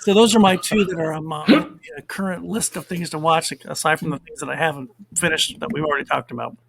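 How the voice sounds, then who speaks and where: A man co-hosting a casual podcast, rambling in a relaxed way as he works through a list. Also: a little high, fast talker, vocal fry, slight background noise. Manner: relaxed and rambling, with fillers while reading down a list. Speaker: podcast co-host. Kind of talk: casual chat.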